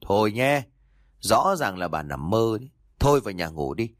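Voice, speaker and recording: A man's voice: fairly low pitch, very animated, normal speed, no room sound, clean studio sound. A man voicing an irritable older village father who scoffs and snaps in a narrated story. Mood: grudging. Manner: snapping, scornful.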